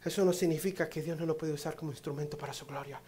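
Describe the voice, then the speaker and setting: A male pastor, preaching a sermon with passion, swinging from loud exclamations to hushed lines and joking asides. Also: on the high side, fairly even intonation, rapid-fire.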